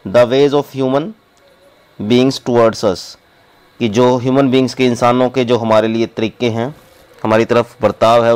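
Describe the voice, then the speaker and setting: A man teaching through a storybook, reading the text slowly and then explaining it in casual asides. His reading is unhurried. His voice is smooth and clear. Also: medium pitch, darkish tone, rough recording.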